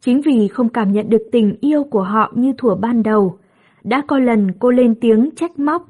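Husky-voiced woman telling a love story. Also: a little high. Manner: gentle, measured storytelling. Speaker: narrator. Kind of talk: storytelling narration. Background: soft music.

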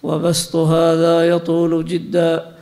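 A man reads a religious text aloud in class, in a measured and even recitation. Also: a little high. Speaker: student reading the text aloud.

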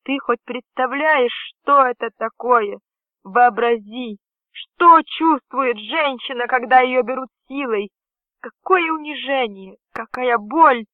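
A man's voice: very high-pitched, slow pace, no room sound. A man reading an audiobook, voicing a distraught young woman who sobs and lashes out in anguished outbursts. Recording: dry, tinny phone-like audio.

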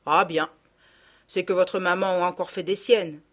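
A woman's voice: on the low side, fairly even intonation, normal speed, a bit bright. A woman voicing a middle-aged peasant gardener woman who scolds and gossips in blunt rustic speech, read as an audiobook character. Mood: gossiping.

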